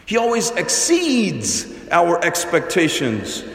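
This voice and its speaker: A man serving as priest, giving a gospel reading and homily in a measured, deliberate way with dry humor, in a large church. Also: high voice, huge pitch swings, creaky, a bit bright. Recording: long cathedral-like hall echo.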